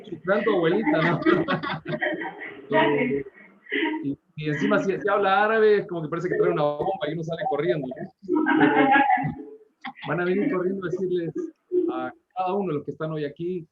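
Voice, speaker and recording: A man's voice: high voice, fairly quick, dull audio, a loud crowd. Joking man on a video call. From Argentine Patagonia. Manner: joking, lively storytelling. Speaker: missionary. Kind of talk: missionary report.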